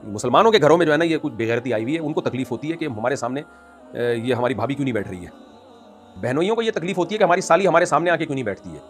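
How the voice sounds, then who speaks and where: A man as an Islamic scholar answering audience questions in an emphatic, scolding way that rises into forceful outbursts. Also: on the high side, animated, hardly any pauses, faint music behind. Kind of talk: religious question-and-answer talk.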